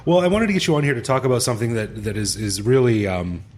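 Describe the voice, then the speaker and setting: A middle-aged man hosts a podcast as a casual interview, chatting in a laid-back way and laughing easily with an old friend. His voice is mid-range and his pace is fast.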